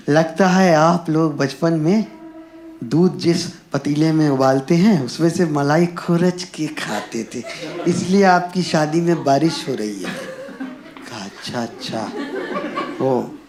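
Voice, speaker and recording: A middle-aged man doing a stand-up comedy set, telling animated stories and mimicking people with loud outbursts. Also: a little high, takes it slowly, pauses often. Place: comedy venue with live audience. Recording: echoey room with background noise.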